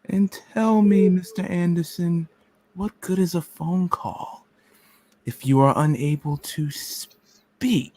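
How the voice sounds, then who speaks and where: A man acts out a cold, menacing government agent in a radio play. The voice is slightly high for a male and closely dry. The delivery is deliberate and formal, as in an interrogation. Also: mellow, no room sound, exaggerated voice. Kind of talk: amateur radio play script reading.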